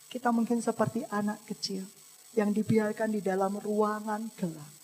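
A man preaching a sermon as pastor, moving between hushed asides and loud, dramatic passages, and asking the congregation questions. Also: high-pitched, a little hiss or hum. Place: church hall. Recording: echoey church hall.

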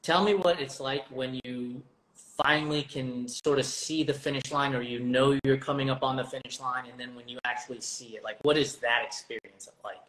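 A man's voice: medium pitch, steady tone, moderate pace, a bit bright, roomy sound, poor audio. A man hosting a podcast interview, asking long, searching questions and speaking to the audience. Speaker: host.

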